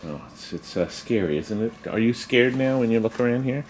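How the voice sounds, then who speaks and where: A chatty man hosts a casual tour vlog, rambling along with jokey asides. His pitch jumps around in an animated way at a middling register. A faint noise sits behind his voice. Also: fairly quick. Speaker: host giving a video tour of his arcade business. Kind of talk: casual walk-through vlog chat. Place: indoors in an arcade game warehouse.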